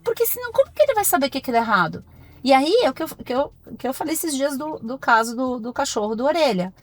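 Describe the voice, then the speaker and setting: A Brazilian woman, a pediatrician, talking as a podcast guest in firm, animated stories full of acted-out dialogue. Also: high-pitched, fast, faint music behind. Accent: Brazilian Portuguese. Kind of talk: podcast interview conversation.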